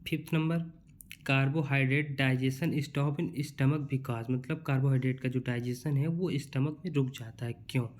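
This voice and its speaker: Young man, exam-prep teacher, reads questions slowly, casual explaining, frequent fillers. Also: medium pitch, darkish tone, slight background noise.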